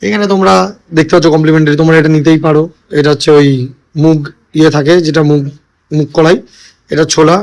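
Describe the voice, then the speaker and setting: Chatty high-voiced man vlogging a beach trip. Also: little pitch movement, fast talker, long pauses, darkish tone, rough recording. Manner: chatty, addresses viewers directly. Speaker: travel vlogger. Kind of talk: casual travel vlog. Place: seaside hotel and restaurant.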